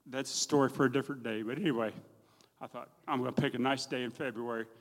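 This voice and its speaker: A man's voice: mid-range voice, fairly even intonation, fast. Plain-spoken middle-aged man in a reverberant church. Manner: plain-spoken, folksy, self-deprecating. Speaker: church member giving testimony. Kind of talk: personal testimony storytelling. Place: church hall. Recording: long reverb of a church hall.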